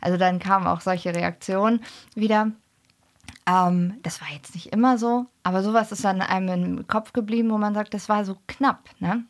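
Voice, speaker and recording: A woman's voice: mid-range voice, steady tone, moderate pace. A young adult woman hosting a casual interview, talking in a chatty way and often adding tag questions. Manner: chatty, frequent "ne?" tags. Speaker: podcast host.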